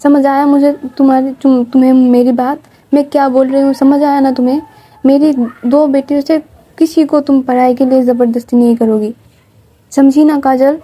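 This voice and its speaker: A woman's voice: high voice, little pitch movement, moderate pace, mellow, close to an everyday voice. A woman voicing a protective middle-aged father who speaks firmly and insistently, repeating himself. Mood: stern.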